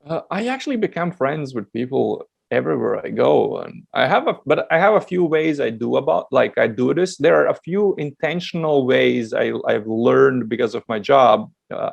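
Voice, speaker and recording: A man's voice: mid-range voice, moderate pace, gravelly, slightly rough, muffled recording. A man from Latvia, a dating coach guest on a podcast, talking in a chatty way with frequent laughs and many restarts. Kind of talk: casual podcast chat.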